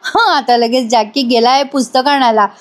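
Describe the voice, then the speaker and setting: High-voiced woman narrating a TV recap. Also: fairly even intonation, moderate pace. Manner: chatty, addresses viewers directly. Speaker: TV episode reviewer. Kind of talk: voice-over episode recap.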